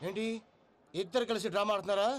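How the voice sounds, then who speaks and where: A man's voice: high-pitched, steady tone, racing, background noise, lightly acted. An actor playing a boastful, hot-tempered male dancer who talks in a quarrelsome way in a comic film.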